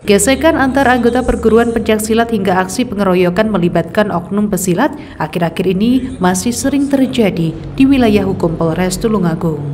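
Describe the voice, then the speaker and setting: A woman reading scripted news narration in a formal, measured manner as a reporter. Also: mid-range voice, a little mellow, a little hiss or hum.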